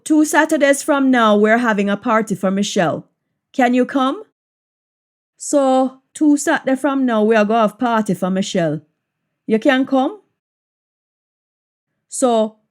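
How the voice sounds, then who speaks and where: A woman with a Jamaican accent giving a language lesson, deliberately saying and repeating practice sentences in Jamaican Patois. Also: a little high. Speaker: language teacher.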